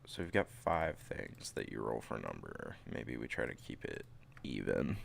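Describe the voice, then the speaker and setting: A sniffly man in his thirties from the St. Louis area, with a rumbling low voice and vocal fry, livestreams from a small home room while building a tabletop game setting. He's very animated yet unhurried, rambling, thinking aloud, and cutting himself off, clearly stuffed up from a cold. A desk microphone in front and a webcam capture him, with slight background noise.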